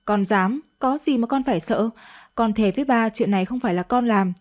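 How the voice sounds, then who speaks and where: A woman's voice: a little high, a little fast, darkish tone, natural voice. A woman reading a radio story, voicing a crude, scornful young husband with a cold, mocking way of talking. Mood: pleading.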